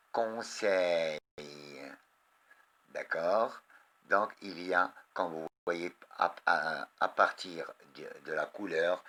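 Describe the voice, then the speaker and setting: A man with a Moroccan accent teaching a French lesson, reading words and sentences aloud slowly and quizzing his pupils. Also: low-pitched, bright, forceful tone. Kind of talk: slow, deliberate classroom lesson.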